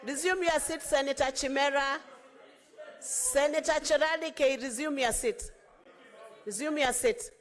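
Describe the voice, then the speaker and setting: A woman with a high voice and a Kenyan accent presides over a parliamentary chamber. She speaks formally and firmly, repeating her calls to order to keep control of the debate. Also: measured pace. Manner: firm, repetitive calls to order.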